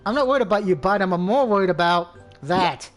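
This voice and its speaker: A man reading the part of a loyal young maid who is quick to take offense. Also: high voice, lively intonation, fairly bright tone, faint music behind.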